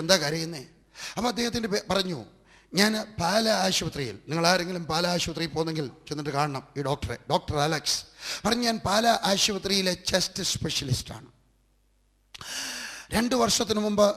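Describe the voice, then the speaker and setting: A man's voice: a little high, fairly bright tone. A man preaching a fervent sermon with a Malayali accent, building his points through repeated rhetorical lines. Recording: long hall reverb.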